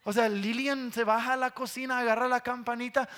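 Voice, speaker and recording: A man's voice: very high-pitched, level tone, fairly quick, fairly bright tone, clean tone. A man in his thirties preaching a sermon, telling a conversational story with repeated words and playful sound imitations.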